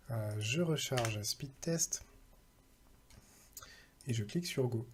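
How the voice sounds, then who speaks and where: A man's voice: mid-range voice, darkish tone. A man talking casually through a screen-recorded tech tutorial, thinking aloud and reading out numbers with hesitant fillers.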